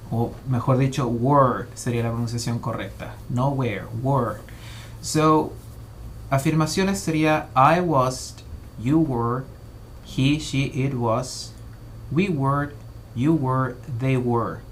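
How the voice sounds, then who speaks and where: Male teacher, mid-pitched, methodical explainer, faint noise behind. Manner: methodical, slows to spell out English example phrases. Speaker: English teacher. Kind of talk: explanatory grammar lesson.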